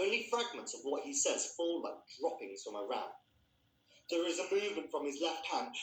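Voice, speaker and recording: Here a man with a fairly high, somewhat bright voice introduces a story and reads the literary fiction aloud. The recording, made with a distant microphone in an echoey room, has slight background noise.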